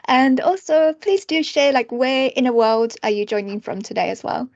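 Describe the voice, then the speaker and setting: A woman's voice: high voice, moderate pace, darkish tone, dry recording, lo-fi sound. A woman hosting a podcast, asking questions with eager interest and laughing often in a casual conversation. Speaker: podcast host. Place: London.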